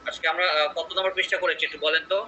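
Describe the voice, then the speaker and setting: Guy teaching english online, kinda high bright voice, muffled audio. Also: steady tone, racing, slight background noise. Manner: conversational, checks in with students often. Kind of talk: online pronunciation class.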